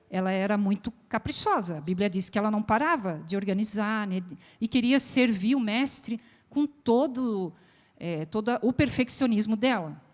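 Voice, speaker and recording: A woman psychologist with a southern Brazilian accent gives a lively church talk, often putting questions to the congregation. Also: medium pitch. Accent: Brazilian Portuguese, southern. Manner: lively, asks the audience questions. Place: church hall. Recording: long echo of a large church hall.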